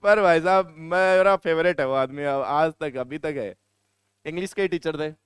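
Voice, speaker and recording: A male teacher with a Hindi accent lectures his class and drifts into chatty anecdotes, now and then scolding the students. His voice sits fairly high and sounds smooth and crisp. The recording is dry and close, with little room sound. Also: moderate pace, dry recording.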